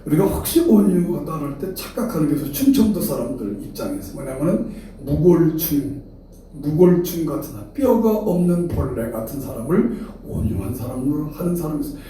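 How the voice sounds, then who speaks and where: Older Chungcheong pastor in echoey hall. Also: male voice, a little high, expressive, brisk, mellow, a little hiss or hum. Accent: Chungcheong Korean. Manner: folksy and humorous, acting out quoted dialogue. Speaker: retired senior pastor. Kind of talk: early-morning sermon. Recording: very echoey hall, distant mic.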